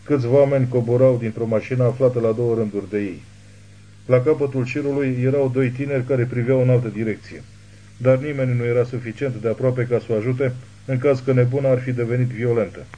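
A man reading a thriller novel aloud as an audiobook narrator, in steady scripted narration. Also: medium pitch, poor audio.

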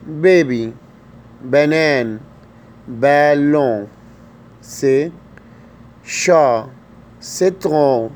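A man teaching pronunciation, saying each word slowly and clearly and repeating it, with quick quiet asides between words. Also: medium pitch. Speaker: language teacher. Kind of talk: slow pronunciation drill.

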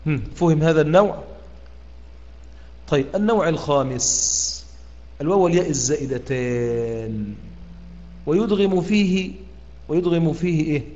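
An Egyptian-accented man, his voice slightly higher than average and a bit mellow, explains Quran reading rules to students with lively intonation. He keeps pausing with "what?" so they can answer, and draws out the sample words as he recites them. The dull, lo-fi audio has a long, hall-like reverb trailing each phrase.

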